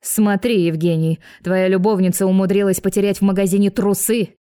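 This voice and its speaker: A woman's voice: lowish voice, fairly even intonation, brisk, dark tone, no echo, studio quality, lightly acted. A woman voicing a jealous, spiteful young mother who gloats and rants.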